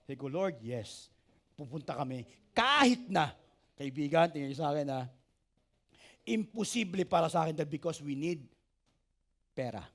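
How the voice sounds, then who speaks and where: A man, a pastor preaching an animated sermon, asking the congregation for amens and joking with them. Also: on the high side, normal speed, long pauses. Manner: animated preaching, asks the church for amens and jokes with it.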